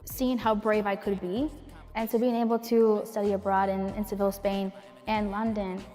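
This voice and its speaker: A woman graduate reflecting with heartfelt warmth on her growth. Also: mid-range voice, flat delivery, moderate pace, in a large hall, faint music behind. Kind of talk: interview testimonial.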